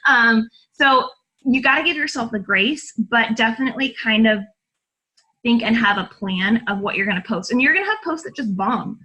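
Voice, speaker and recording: A bright, slightly husky woman in her thirties talking like a fitness coach on a casual call. She is chatty and encouraging, with a fairly high voice and lots of fillers. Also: lively intonation, moderate pace, rough recording.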